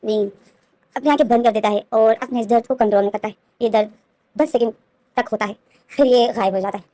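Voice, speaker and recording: A woman casually retelling a story's plot in a rapid, run-on way, with many repeats and fillers. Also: a little high, fairly even intonation, warm tone, no echo. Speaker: story narrator.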